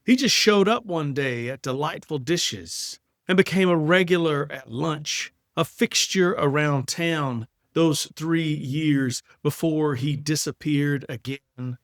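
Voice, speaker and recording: A middle-aged man, reading his own poem aloud in a measured, wry storytelling way. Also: a little high, fairly bright tone, no echo, studio quality. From South Carolina. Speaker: poet. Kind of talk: poetry reading.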